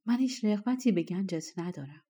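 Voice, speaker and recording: A woman's voice: lowish voice, expressive, warm tone, breathy edge. A woman voicing a frightened but defiant young male shepherd in a fairy tale reading.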